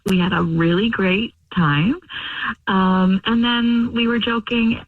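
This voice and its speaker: A woman's voice: medium pitch, takes it slowly, no room sound, distant mic. Young woman caller on a tinny phone line. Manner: chatty, rambling with many fillers. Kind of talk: phone call to a radio show.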